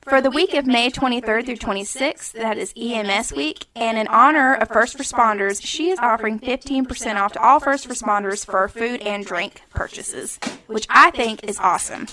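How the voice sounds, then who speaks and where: A woman podcast host delivers an upbeat shoutout to a local business in a slightly high voice. Steady crowd chatter can be heard behind her. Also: moderate pace, hardly any pauses, poor audio. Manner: upbeat and promotional. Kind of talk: reading a sponsor shoutout, then casual chat.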